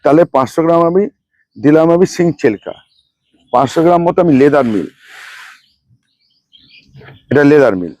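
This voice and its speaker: There is no room sound as a middle-aged man from a rooftop gardening channel shows how to make a fertilizer mix, naming each ingredient and amount and saying it again. His slightly high, darkish voice has a lively intonation, a normal pace and long pauses.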